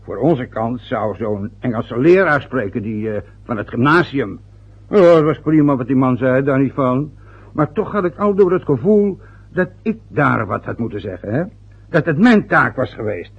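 In a dull, lo-fi old radio recording, a man with a medium-pitched, breathy voice speaks at a moderate pace with lively intonation. He's an actor in a vintage radio play, cast as a stubborn, wounded older father whose son has just married, and he lectures and grumbles in an aggrieved, rambling way full of hesitations.

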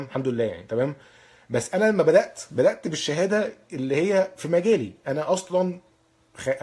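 Fast-talking Egyptian man, slightly husky. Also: fairly high pitch, a little mellow. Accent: Egyptian Arabic. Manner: blunt, colloquial, repeats points for emphasis. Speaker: accounting certification instructor. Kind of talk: informal advice talk to learners.

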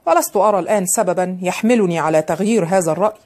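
A woman voicing a calm, formal older male lawyer in an audiobook. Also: on the low side, very fast, lightly acted.

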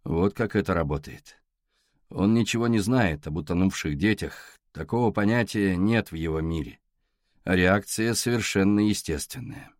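A man voicing a calm, sinister stranger in dark glasses, speaking low, slow and coldly musing. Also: no echo, clean studio sound.

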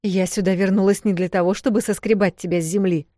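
A woman voicing a forceful young sister who gives sharp, shouted commands. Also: medium pitch, steady tone, fast talker, no room sound, studio quality, voice pushed up, natural voice. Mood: urgent.

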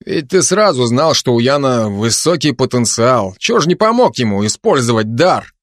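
Brief: man playing a sardonic, grumbling constable for an audiobook, middle-pitched, dry close sound. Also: sing-song, moderate pace, no room sound, close to an everyday voice. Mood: wry, grumbling. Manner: dry, sardonic, chatty banter with a cat.

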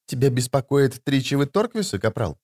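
A sly young woman soldier who needles her corporal in a snide, hushed voice, read by a male narrator. Storybook reading. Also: medium pitch, big pitch swings, brisk, close to an everyday voice. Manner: snide, half-whispered.

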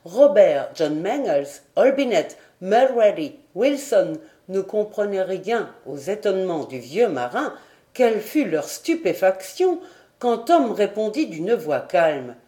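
A woman narrating a classic adventure novel as an audiobook, in a measured, steady reading. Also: medium pitch. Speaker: audiobook reader.

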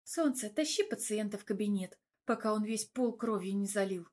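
A woman voicing a sharp-tongued young woman doctor who gives stern, mocking orders in a raised voice. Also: mid-range voice, animated, moderate pace, lightly acted.

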